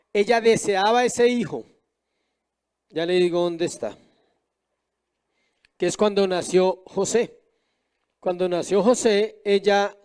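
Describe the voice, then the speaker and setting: High-voiced man preaching a sermon. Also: a little mellow, smooth. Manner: preaching with rhetorical questions to the congregation. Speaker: pastor.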